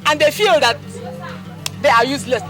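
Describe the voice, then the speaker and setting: A woman's voice: sits high, moderate pace, crowd noise, close to an everyday voice. A woman playing a gossipy village woman. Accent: Nigerian. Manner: chatty, matter-of-fact. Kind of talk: film drama acting. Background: film score music.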